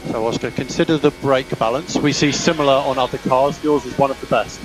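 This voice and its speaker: A man's voice: medium pitch, fairly even intonation, brisk, faint music behind, rough recording. A man working as a race engineer, giving terse, repeated instructions in clipped team radio messages over engine roar. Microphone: radio headset.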